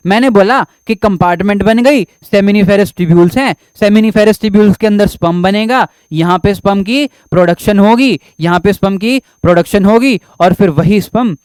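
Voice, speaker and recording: A man's voice: high-pitched, normal speed, few pauses, darkish tone, clean tone, dry recording. A man teaching a biology lecture at a board, who repeats his own questions, answers them, and keeps reassuring his students.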